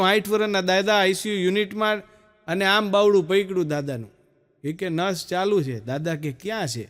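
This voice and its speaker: Gujarati-accented guy doing standup jokes, fairly high voice, acts out the back-and-forth. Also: a bit bright, smooth. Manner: storytelling, acting out quick dialogue. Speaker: stand-up comedian.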